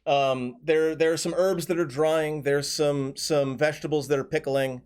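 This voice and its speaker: A man running a tabletop game as game master, with a relaxed manner and many ums and restarts. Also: a little high, moderate pace, clear, resonant tone.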